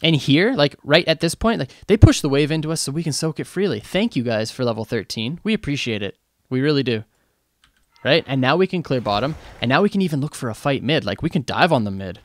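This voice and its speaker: A man coaching a game team over voice chat, breaking down a replay in a casual, animated way and quizzing the players. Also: medium pitch, brisk, no echo. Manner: animated, asks the team questions, many fillers. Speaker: esports coach reviewing replays.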